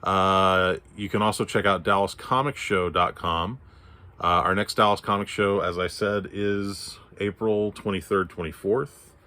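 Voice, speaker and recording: His throat hoarse and scratchy from allergies, a Texas man gives a casual show-and-tell chat about his comic book haul, full of fillers and restarts as he rambles. He speaks at a measured pace in a low voice with fairly even intonation and a sharp tone.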